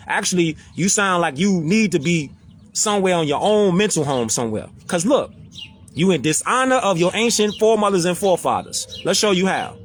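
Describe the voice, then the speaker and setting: Casual host, high animated voice, preachy and slangy. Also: male voice, a little hiss or hum. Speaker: social media commentator. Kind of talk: casual live-stream talk, reading definitions aloud.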